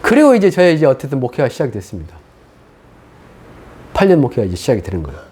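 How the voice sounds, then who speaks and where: A middle-aged man preaching a sermon as pastor, telling his own story in an animated way and acting out what he once said. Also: mid-range voice, fast, a little hiss or hum. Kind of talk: sermon testimony.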